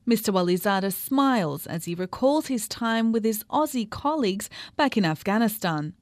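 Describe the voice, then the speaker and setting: A woman reporter reading a scripted news report in a measured, even way. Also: mid-range voice, no room sound.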